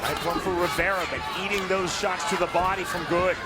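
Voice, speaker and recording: High-voiced male fight commentator over roaring crowd. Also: steady tone, brisk. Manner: clipped, announcer-like phrases. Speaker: play-by-play commentator. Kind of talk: live MMA fight commentary. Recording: loud arena crowd.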